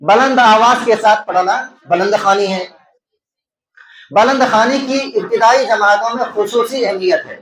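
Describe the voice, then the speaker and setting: A man with an Indian Urdu accent teaches an exam-prep lecture, his voice high-pitched and a bit bright. He raises questions and supplies the answers, returning to key terms to clarify them. The recording is echoey.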